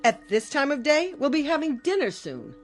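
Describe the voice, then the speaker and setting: In a radio drama with a music bed under the dialogue, an actress plays a fussing, smothering, anxious middle-aged mother of grown children. Her voice sits high with huge pitch swings at normal speed, sounding fretful, concerned, coaxing and insistent.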